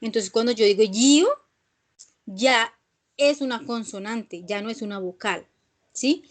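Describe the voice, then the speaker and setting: Woman teacher, higher-pitched, patient, explains step by step and checks in often. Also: normal speed. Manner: patient, repeats points with frequent "¿sí?" checks. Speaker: English teacher. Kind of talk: online class explanation.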